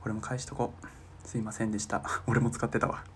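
A young man in his twenties doing a comic solo podcast, deadpan and self-mocking, murmuring his inner thoughts. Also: fairly low pitch, brisk, very noisy. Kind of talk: comic monologue.

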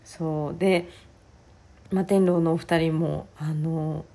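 Hoarse, husky-voiced woman chatting. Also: low-pitched, fairly even intonation, slow pace, warm tone. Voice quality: husky, raspy. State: hoarse voice, worn out from the day before. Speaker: podcast host. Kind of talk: casual solo chat.

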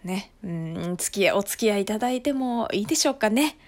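A young woman talks alone into her podcast mic in a relaxed, chatty way, laughing often and filling her pauses with soft little fillers. Her pitch swoops up and down a lot, giving her talk a lively, animated feel. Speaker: podcast host. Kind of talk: casual solo podcast chat.

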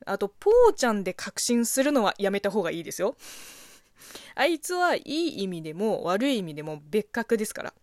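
A woman's voice: on the high side, darkish tone, no room sound, clean studio sound. A woman from China, native speaker of Chinese, hosting a radio show; she reads listener mail and comments in a chatty, teasing way. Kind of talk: casual solo radio talk, reading listener mail.

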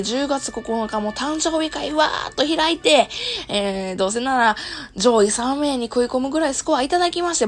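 A woman host with a Kansai accent talks casually to her listeners in a worn, hoarse voice. Her pitch sits fairly high and swings in an animated way, and she laughs often. Soft music plays behind her. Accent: Kansai Japanese. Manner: laughs often while talking. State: hoarse, worn voice after long streaming. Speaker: host of an audio talk show and live streamer. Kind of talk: casual solo talk to listeners.

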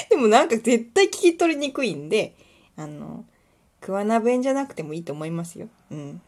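A woman's voice: a little high, big pitch swings, measured pace, long pauses, a little mellow. A young woman from Kuwana with a light Kuwana dialect, chatting casually and rambling with many fillers on her solo talk show. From Kuwana, Mie, Japan. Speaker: podcast host.

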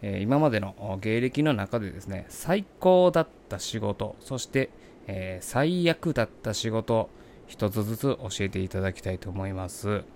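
A man's voice: lowish voice, normal speed, darkish tone, a little hiss or hum. A man, a comedian, talking through his career in a polite, chatty podcast monologue.

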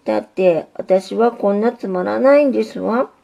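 A woman's voice: mid-range voice, moderate pace, vocal fry, dark tone, lightly acted. A woman voicing a shy, modest young female railway signal in a storybook reading, speaking politely and demurely. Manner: demure, polite, self-deprecating.

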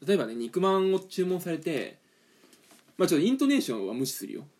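A fast-talking man with a high voice, from eastern Japan's Kanto area, co-hosts a casual chat show. He's an animated storyteller who rants and plays out the parts of customers and others.

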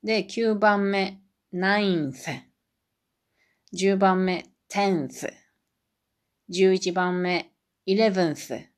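A woman's voice: mid-range voice, drawn-out words, long pauses. A woman with a Kansai accent teaches English numbers on her solo podcast, taking her time and drawing out each word. She drills each number in Japanese and then in English, with a chatty, self-deprecating aside here and there.

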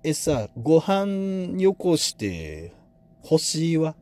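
A man's voice: fairly high pitch, very animated, a little mellow, voice pushed up, exaggerated voice. A man voicing his pet cat as it talks in broken Japanese with a lilt and mangled intonation. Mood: demanding. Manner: slow, lilting, mangled intonation.

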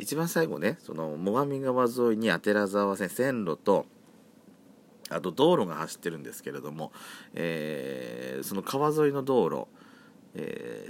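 Animated low-voiced man from Yamagata. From Yamagata, Japan. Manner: chatty, campy feminine phrasing. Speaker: podcast host. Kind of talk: solo casual chat.

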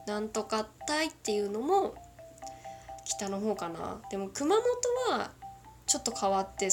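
A woman from Kagoshima with a mixed northern Kyushu accent, rambling through a casual solo chat and giggling often. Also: medium pitch. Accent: northern Kyushu Japanese. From Kagoshima, Japan.

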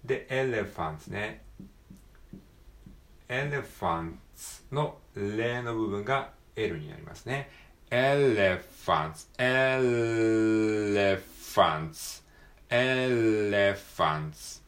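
A man with a Japanese accent talks through English pronunciation on his own, explaining points, then repeating words and phrases slowly and with emphasis. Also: lowish voice, lively intonation, a bit bright. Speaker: English pronunciation practice podcaster. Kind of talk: solo read-aloud practice with commentary.

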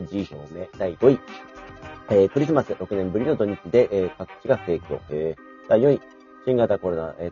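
Chatty low-voiced man reading news. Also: dark tone. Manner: chatty, laughs often, reads headlines with fillers. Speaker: podcast co-host. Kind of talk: casual chat, reading a news ranking. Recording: dull lo-fi online audio with faint music.

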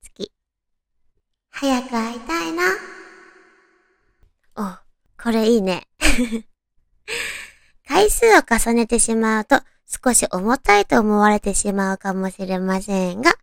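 A woman's voice: medium pitch, animated, takes it slowly, gravelly, no room sound, studio quality. A woman chatting casually and girlishly as a solo host, reading out romantic material and adding her own reactions. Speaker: solo host of an audio talk show.

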